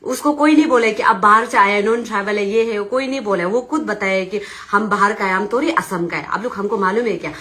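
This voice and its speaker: A woman's voice: mid-range voice, fairly quick, hardly any pauses, bright, forceful tone. A young woman with an Arunachal Pradesh accent, giving an agitated, insistent eyewitness account to reporters and retelling the dispute with quoted dialogue.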